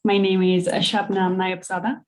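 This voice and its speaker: A woman's voice: medium pitch, flat delivery, a little slow, rough recording. A young woman from Afghanistan sharing a heartfelt personal testimony on a video call. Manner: conversational and heartfelt. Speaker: speaker at a community briefing.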